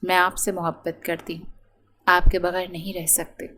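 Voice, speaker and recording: A woman voicing a young woman in love who pleads softly in a romance audiobook. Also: on the low side, steady tone, natural voice. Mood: pleading. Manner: soft, pleading. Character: lovesick young woman, law graduate, earnest.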